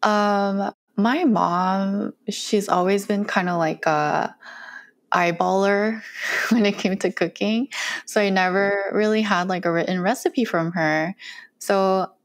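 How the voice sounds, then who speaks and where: Speaking slowly with fairly even intonation in a mid-range voice, this young Korean cooking content creator is a chatty, often-laughing interview guest. The casual talk comes from a small, bright room in her home, captured on a close studio mic with earphones.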